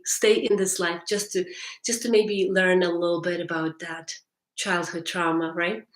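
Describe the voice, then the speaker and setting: Low-voiced woman hypnotherapist, echoey room. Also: a bit bright. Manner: tags sentences with "right?", restarts phrases. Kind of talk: live stream talk answering viewer chat.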